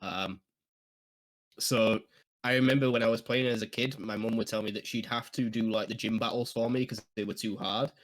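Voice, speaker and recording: A man, chatting casually and nostalgically on a podcast, laughing often and filling pauses with ums. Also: on the low side, steady tone. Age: 20s. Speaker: podcast co-host. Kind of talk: casual chat.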